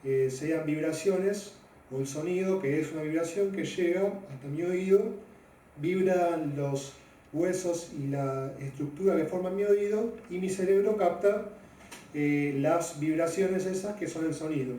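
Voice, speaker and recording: A man, a physics teacher explaining sound waves in a loose, hesitant way with many fillers; he says his own voice is deep. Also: a little slow, warm tone. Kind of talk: spoken physics lesson. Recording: very echoey room, mic at a distance.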